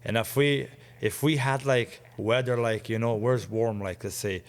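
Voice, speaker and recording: A man in his forties sits as a guest and tells stories in an eager, rambling way, chuckling often. His voice sits at an ordinary middle pitch. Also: steady tone, moderate pace. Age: 40s. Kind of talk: casual storytelling chat.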